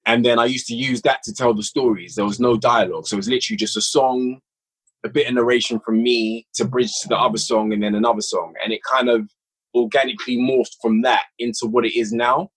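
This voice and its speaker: On poor audio, a mid-range, slightly rough voice with fairly even intonation speaks a little fast. The man, a podcast guest who writes and directs audio dramas, discusses his creative work in a casual, reflective way, repeating phrases for emphasis.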